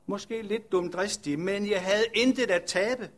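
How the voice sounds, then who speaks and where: A man's voice: high voice, pitched above the performer's own voice, lightly acted. A man voicing a weary, humble male leper farmer who is telling his own story earnestly in the first person. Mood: longing.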